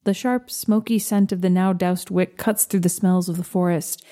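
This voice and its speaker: A woman narrating a first-person story in a slow, gentle, measured reading. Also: on the low side, fairly even intonation.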